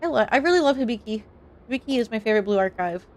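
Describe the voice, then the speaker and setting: A woman streamer chatting with her viewers in a fairly high, nasal voice. She is bubbly and giggly, and her voice leaps up when she gets excited. She is recorded on a home streaming setup. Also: racing. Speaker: streamer playing a game. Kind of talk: casual live-stream chat.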